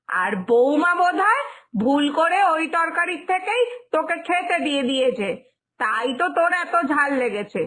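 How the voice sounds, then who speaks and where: For a cartoon story, a woman voices a stern middle-aged mother-in-law. She scolds slowly in a lowered voice with a sharp tone.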